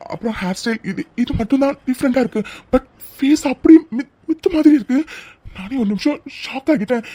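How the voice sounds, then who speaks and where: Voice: mid-range voice, dark tone, dry recording, close to an everyday voice. A voice actor playing a flustered young husband in a cartoon dub, pleading and confused.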